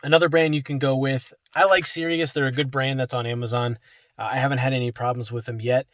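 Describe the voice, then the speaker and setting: A man's voice: mid-range voice, fast, no echo, studio quality. A young man hosting a casual how-to video, explaining step by step from inside a car while working with his hands. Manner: relaxed, chatty, talks while working with hands.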